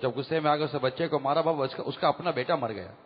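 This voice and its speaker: Guy slowly reading questions out to his dad, kinda high voice, muffled echoey hall.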